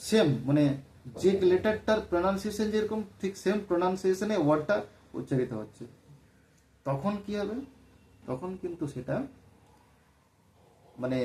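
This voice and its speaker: Male teacher, a little higher than usual, mellow tone, patient step-by-step explainer, roomy echo with faint hiss. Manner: explaining step by step with frequent check-in questions. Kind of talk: exam-prep grammar lesson. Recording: echoey room with faint noise.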